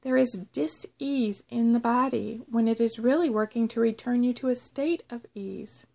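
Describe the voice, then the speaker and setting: A woman narrating a scripted guided meditation in a measured, instructional way. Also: on the high side, creaky, a little mellow. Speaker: host of a guided self-love meditation audio.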